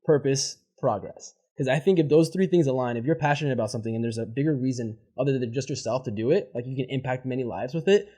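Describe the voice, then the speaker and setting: A man's voice: mid-range voice, quick pace, few pauses, dark tone. A man speaking as a podcast guest, giving motivational advice in a fervent, casual way and swearing freely. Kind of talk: motivational interview talk.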